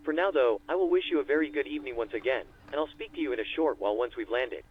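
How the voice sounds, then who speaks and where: A courteous airline captain reading scripted announcements from the cockpit at a quick clip. His voice is slightly husky and comes through a thin, phone-like cabin speaker. The delivery stays formal and even. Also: medium pitch. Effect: cockpit announcement over a tinny cabin speaker. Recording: tinny phone-like in-game audio.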